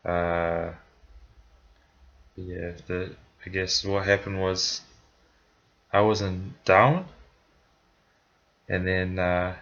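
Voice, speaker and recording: A man's voice: low-pitched, fairly even intonation, very slow, long pauses, a bit bright, muffled recording. A young man from New Zealand with a New Zealand accent, casually telling his own story in a vlog, rambling with many fillers and self-corrections.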